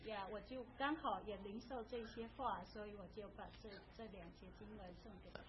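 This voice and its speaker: A woman sharing a personal faith testimony, speaking softly and often trailing off. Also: mid-range voice, fairly quick. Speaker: church member sharing testimony. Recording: dull lo-fi with faint noise.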